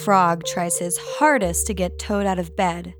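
A woman reporter giving a clear, measured scripted radio narration. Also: lowish voice, steady tone, music in the background.

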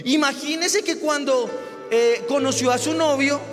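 A man preaching a sermon as a pastor, telling a personal story with animated delivery that rises to shouted exclamations. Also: extremely high pitch, unhurried, in a large hall, over music.

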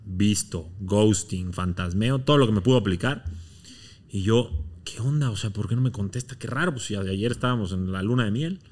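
A man from Mexico, a podcast guest telling a long personal story in a relaxed, slangy way. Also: lowish voice, normal speed. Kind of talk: storytelling in conversation.

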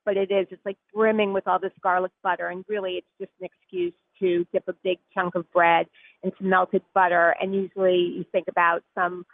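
A woman's voice: on the low side, little pitch movement, a little fast, no room sound. A woman speaks over a tinny, phone-like line with dry sound. She talks as a guest in a chatty way, laughing easily and dropping "like" often. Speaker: food editor guest. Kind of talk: radio interview.

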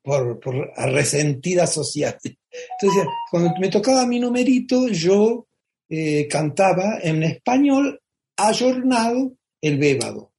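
A performer visits a radio show and tells stories in a theatrical, expressive way, full of flair. The voice sits at a middle pitch and moves through anecdotes with dramatic emphasis. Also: slow, a little hiss or hum. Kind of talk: casual radio interview.

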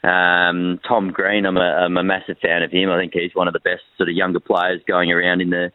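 Man, very low voice, crackly phone line cutting in and out, tinny and dry, frank and hesitant reporter. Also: monotone, no echo. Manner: frank, measured, with many hesitations. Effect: crackly phone line that cuts in and out. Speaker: newspaper sports reporter. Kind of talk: phone-in football analysis.

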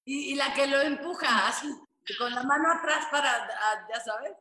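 Bright-voiced woman co-host. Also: sits high, normal speed. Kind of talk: casual TV chat. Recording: echoey room.

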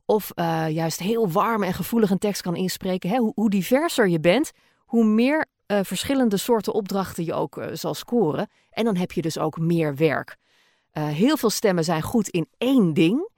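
A woman's voice: fairly low pitch, a little mellow, no echo, studio quality. A podcast host and voice-over artist, a woman with a Gooise R, talking casually with frequent fillers as she answers listener questions. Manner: chatty, many fillers, occasional laughs.

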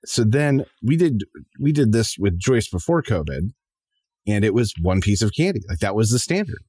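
A man's voice: lowish voice, very animated, normal speed, a little mellow, husky, no echo. A man hosting a podcast in a playful, informal, chatty way. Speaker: podcast host. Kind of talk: casual chat.

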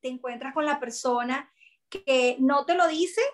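High-voiced Venezuelan woman chatting. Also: measured pace, a little hiss or hum. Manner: lively, expressive, quotes others in dialogue. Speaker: guest, food content creator. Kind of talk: casual interview chat.

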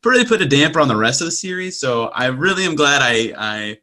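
A man's voice: medium pitch, sing-song, fairly quick, pushed and bright. A man hosting a casual sports podcast, talking in a wry, conversational way. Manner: wry, frequent laughs, conversational. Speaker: podcast host.

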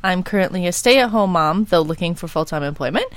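Brief: young woman, brisk friendly producer, lowish pitch, dry mic. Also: expressive, no echo. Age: 20s. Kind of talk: casual podcast talk.

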